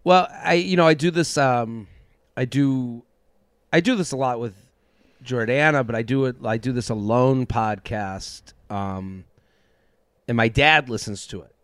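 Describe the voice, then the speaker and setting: A man's voice: mid-range voice, unhurried, clear, resonant tone, dry recording, studio quality. A man talking candidly as a guest, rambling and self-deprecating with frequent restarts. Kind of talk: candid conversation.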